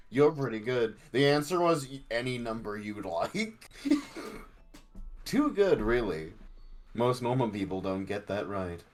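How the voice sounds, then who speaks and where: A man's voice: mid-range voice, sing-song, measured pace, long pauses, soft background music. A man speaking playfully in jokey, improvised comedic role-play and banter.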